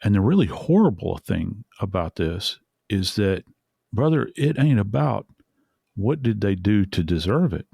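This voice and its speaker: A low, gravelly-voiced man talks through a true crime case in an earnest, drawn-out way. He stops and restarts often as he searches for words. The sound is dry and close. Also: very animated, warm tone, no room sound. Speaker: forensic expert co-host. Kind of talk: true crime podcast discussion.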